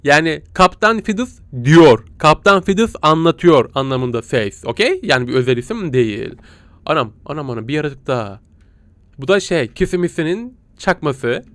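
A man talks through a horror game in joking, excitable let's-play commentary, often breaking into laughs and silly sound effects. His voice sits a little high for a man. The recording is close and dry, with no room sound. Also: moderate pace, no echo. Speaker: gaming YouTuber.

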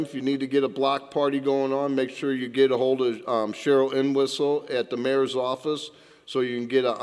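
A middle-aged man delivers a council member's report in a plainspoken way, repeating key points for emphasis. His pitch sits mid-range for a man. The sound carries a long reverb from the council chamber. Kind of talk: meeting report. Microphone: desk gooseneck mic.

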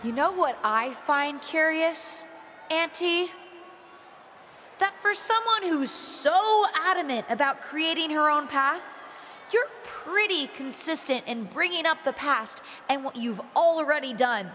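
Sarcastic young female wrestler, piercing high and forceful, game wrestling promo in echoing arena. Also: lively intonation, heavily acted. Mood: mocking. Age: young adult. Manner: mocking, pointed, deliberate. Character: defiant young wrestler, sarcastic betrayed niece. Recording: reverberant arena PA with ambient noise.

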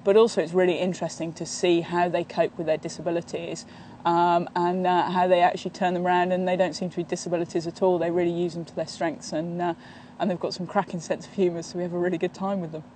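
A woman's voice: lowish voice, flat delivery, fast talker, dark tone, a little hiss or hum. A woman in her thirties, a sailing coach, answering interview questions outdoors in a sunny park, talking steadily with many fillers and restarts. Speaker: sailing coach and training partner.

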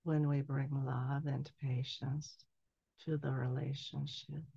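A woman in her sixties speaking as a trance medium, solemnly delivering a spiritual message in measured phrases with long pauses. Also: a bass voice, level tone, vocal fry, warm tone, slightly rough, no room sound. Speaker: trance channeler. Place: small candlelit room indoors. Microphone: headset boom mic. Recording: dull, lo-fi headset sound.

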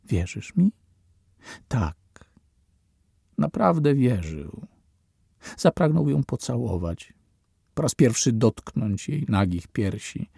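A man reading a story as audiobook narrator, in slow, measured scripted narration whose lines fall away quietly at the end. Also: medium pitch, sing-song, creaky, breathy edge, no room sound, studio quality.

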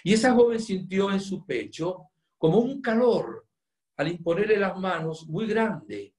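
Male priest, sermon storytelling, earnest, loud then hushed, fairly high voice, echoey room. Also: lively intonation, unhurried. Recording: roomy echo.

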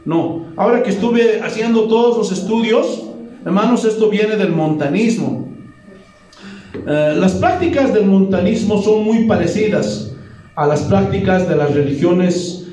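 Brief: Bolivian male pastor, high voice, animated sermon, recorded from a distance in a roomy church. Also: unhurried, slight background noise. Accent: Bolivian Spanish. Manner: animated preaching, frequent "Gloria a Dios". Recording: echoey room, voice from far off.

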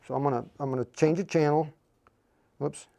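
A man's voice: fairly high pitch, steady tone, a little fast, gravelly, warm tone, slight background noise. A man hosting a live radio demo on a lapel mic, talking casually and using ham radio call-sign talk. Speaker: host and instructor.

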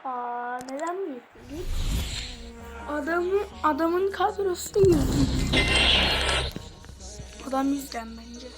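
A young woman casually commenting on her own football video game play, now and then shouting at the game as it happens. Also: sits high, animated, a little slow, music in the background. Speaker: gaming video host.

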